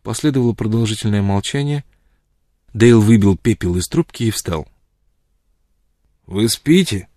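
A man narrating an audiobook in a measured, steady reading style on a close mic. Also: on the low side, no room sound. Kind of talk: scripted narration.

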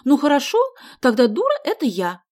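In an audiobook, a woman reader voices a quick-tempered schoolgirl who scolds in a shrill, high, loud voice. She sounds very animated and indignant, her pitch jumping about constantly as she exclaims.

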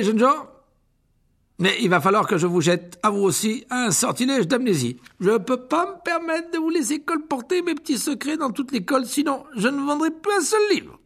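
A performer playing a vain, evasive male wizard teacher in a storybook reading. The voice is gravelly and husky, swinging up and down in pitch as he hedges with fillers and nervous little laughs. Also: a bit bright, full character voice. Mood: scheming.

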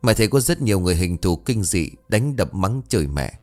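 A man's voice: deep voice, big pitch swings, fairly quick, a little mellow, soft background music. A man voicing a frail, weak mother who speaks in a faint, weary way. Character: frail, weak middle-aged mother recovering from illness.

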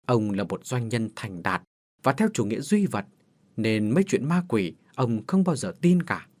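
A man narrating a horror story in a dramatic, suspenseful scripted manner. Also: medium pitch. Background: faint music.

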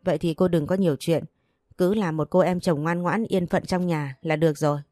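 A woman's voice: fairly low pitch, steady tone, brisk, warm tone, no echo, clean studio sound, soft background music, lightly acted. A woman voicing a stubborn young wife in an audio story, blunt and defiant. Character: stubborn young wife who won't be bullied.

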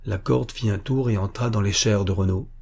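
A man narrating a historical adventure novel in a steady storytelling manner. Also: on the low side, moderate pace, vocal fry, slightly rough. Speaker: audiobook narrator. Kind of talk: scripted narration.

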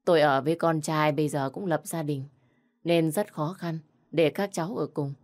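A woman's voice: sits low, fairly even intonation, normal speed, darkish tone, lightly acted. Woman voicing a worried old grandfather.

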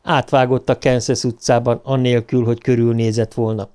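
Man narrating an audiobook, mellow warm voice, measured and even. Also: medium pitch, clear, resonant tone.

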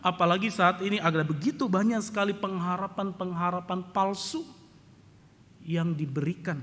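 A male pastor preaching a sermon, telling humorous stories and rising to loud emphasis, recorded in a church. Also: mid-range voice. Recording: church hall reverb, faint ambient noise.

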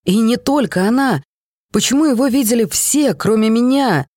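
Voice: medium pitch, unhurried, darkish tone, no room sound, clean studio sound, lightly acted. A reader voicing Edward, a furious young man. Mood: angry. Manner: outbursts of anger. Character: angry young man desperate to find his twin.

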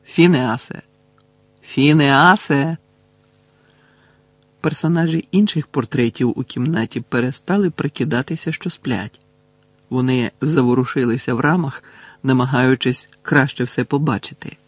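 A man narrating an audiobook in a steady, unhurried reading voice. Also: mid-range voice, breathy edge, no echo.

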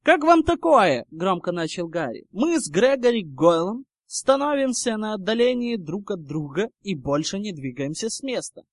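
A man's voice: high-pitched, animated, moderate pace, hardly any pauses, a little mellow, no room sound, clean studio sound, voice pushed up. A man voicing a clever, scheming schoolboy hero who speaks urgently. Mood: announcing. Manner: urgent, hissing.

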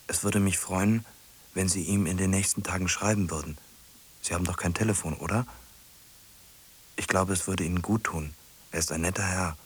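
Performing in a German radio play, a male actor with a low-pitched, husky voice portrays a lonely, obsessive man who is anxious and pleading. He keeps muttering to himself in short repeated phrases, frequently sinking to a whisper.

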